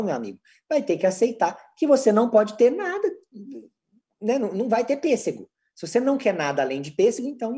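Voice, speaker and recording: A Brazilian-accented man delivers a lecture with a lively, swinging pitch. He teaches in clear steps and often poses a question before answering it himself, in the manner of a psychologist walking an audience through practical cases. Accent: Brazilian Portuguese. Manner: didactic, asks and answers own rhetorical questions.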